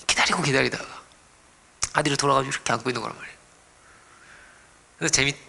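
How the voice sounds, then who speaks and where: A man preaching a sermon as pastor, dropping to hushed whispers and rising to loud exclamations, often asking the congregation questions. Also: medium pitch, vocal fry. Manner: dramatic swings between hushed whispers and raised exclamations; asks the congregation rhetorical questions.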